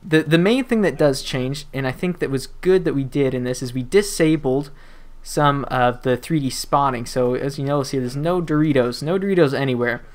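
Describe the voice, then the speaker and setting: Young man, casual gaming commentary, mid-pitched, loose and rambling, home desk mic. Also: normal speed. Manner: rambling and chatty, with frequent fillers and restarts and playful asides. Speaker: gaming YouTuber. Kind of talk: casual gameplay commentary voice-over.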